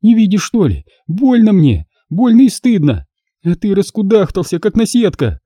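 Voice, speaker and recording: A man's voice: high voice, huge pitch swings, normal speed, mellow, breathy edge, no echo, clean studio sound, pitched above the performer's own voice, exaggerated voice. A male reader voicing a furious, bossy young woman in pain who scolds and gives orders sharply. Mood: scolding.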